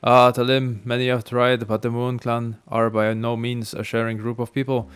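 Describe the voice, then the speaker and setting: A man's voice: mid-range voice, completely flat delivery, moderate pace, clear, resonant tone, dry recording, natural voice. A man reading the lines of a proud clan chieftain from a video game. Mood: solemn.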